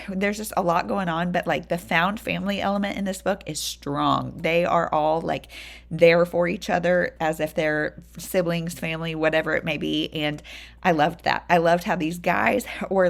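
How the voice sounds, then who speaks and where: A woman's voice: lowish voice, steady tone, normal speed, creaky. A woman in her thirties chatting enthusiastically about books she loves, with lots of fillers. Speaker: book vlogger. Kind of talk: casual book review chat.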